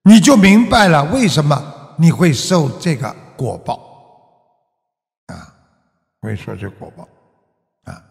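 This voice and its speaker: Male Buddhist preacher, slightly high voice with a lively, swinging delivery, rhetorical questions. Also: big-room sound. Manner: rhetorical questions, frequent drawn-out "ah" particles. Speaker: Buddhist master. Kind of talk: Buddhist sermon.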